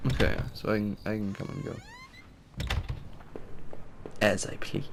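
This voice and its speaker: A man's voice: on the low side, steady tone, measured pace, vocal fry, noisy background. A man playing a game, reading its narration aloud and adding wry comments. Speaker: gameplay commentator. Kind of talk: let's play, reading game text aloud.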